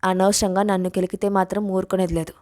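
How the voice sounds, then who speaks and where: A woman reading a story voices a fierce, short-tempered young college woman who shouts angrily. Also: mid-range voice, little pitch movement, fast talker, close to an everyday voice. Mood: angry. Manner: angry shouting.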